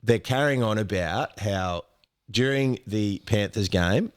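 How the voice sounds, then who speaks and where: A man's voice: fairly low pitch, takes it slowly, clear, resonant tone, dry recording. An Australian man co-hosting a casual sports chat while sick, grumbling in sarcastic rants. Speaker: podcast co-host.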